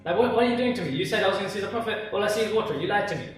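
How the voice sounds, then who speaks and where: A man's voice: high-pitched, rapid-fire, lightly acted. A man voicing an impatient young devotee who pleads and complains, in an ordinary storytelling voice. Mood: indignant. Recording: very echoey room, voice from far off.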